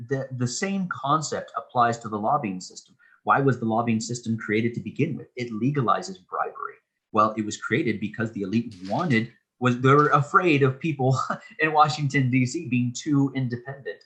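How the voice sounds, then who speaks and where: A man's voice: mid-range voice, normal speed, fairly bright tone, husky, poor audio. A man in his thirties, a political candidate being interviewed, explaining his views earnestly at length with frequent restarts. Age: 30s. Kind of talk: casual interview talk.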